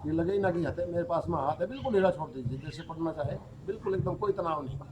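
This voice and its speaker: Male yoga teacher, calm guided relaxation, a touch higher voice, faint room noise. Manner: calm, slow instructions mixing Hindi with English words.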